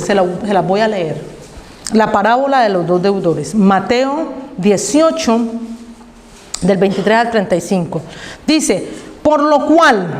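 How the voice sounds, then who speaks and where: A woman pastor preaching a sermon, reading scripture slowly and asking the congregation rhetorical questions. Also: a little high, slight background noise. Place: church hall. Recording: echoey church hall with long reverb.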